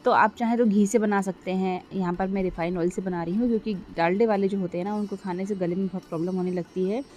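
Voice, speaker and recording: Mellow-voiced woman chatting through a cooking vlog. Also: medium pitch, fairly even intonation, fast talker, slight background noise. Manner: chatty, explains step by step, often addresses viewers. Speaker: cooking vlogger. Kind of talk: casual voice-over cooking vlog.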